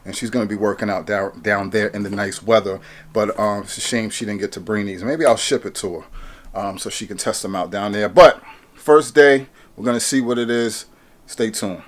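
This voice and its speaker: A man's voice: fairly low pitch, normal speed. A man in a casual product review vlog, chatty and hyped, restarting his sentences with lots of ums. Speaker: fitness vlogger reviewing gear.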